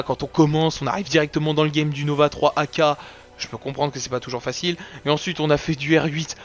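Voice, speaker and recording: A young French-speaking man talks through his channel's year in a loose, slangy, joking way. His voice sits a touch high for a man, with soft music playing faintly underneath. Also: highs cut off. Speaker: YouTube gaming creator. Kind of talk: casual anniversary recap video.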